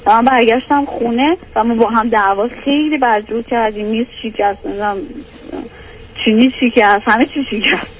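Female caller, high-pitched, hesitant and rambling, with plenty of filler. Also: a little hiss or hum, rough recording. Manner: hesitant, rambling, fills with "for example". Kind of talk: phone-in conversation.

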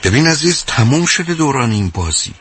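A man's voice: mid-range voice, very animated, a bit bright, a little hiss or hum. A man from Iran, a psychologist hosting a call-in show, lecturing a caller emphatically and often calling her "dear". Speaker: radio psychologist host. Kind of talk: call-in advice talk.

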